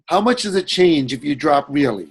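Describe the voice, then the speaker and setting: A man with a somewhat high, husky voice chimes in on a casual group call. He questions word choices with a teasing edge. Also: animated, moderate pace. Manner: playfully nitpicking wording. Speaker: workshop participant giving feedback.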